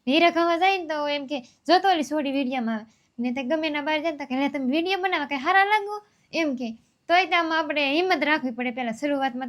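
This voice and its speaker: A young woman, telling her family's story in a rambling, homely way. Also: high-pitched. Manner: rambling, homely, repeats herself. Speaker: vlogger. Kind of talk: casual storytelling.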